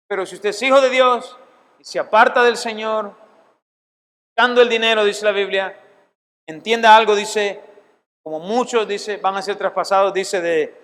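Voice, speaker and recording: High-voiced man preaching in a hall. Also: fairly bright tone. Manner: emphatic, asks the audience questions. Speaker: pastor teaching a seminary class. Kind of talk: sermon-like Bible lecture. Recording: long hall reverb.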